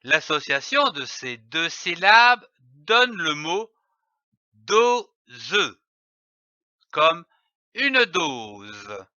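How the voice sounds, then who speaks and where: A man giving a scripted reading lesson, spelling letters and syllables out slowly and clearly. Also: fairly high pitch, big pitch swings, sharp tone, no echo. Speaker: reading teacher. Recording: dull, slightly lo-fi audio.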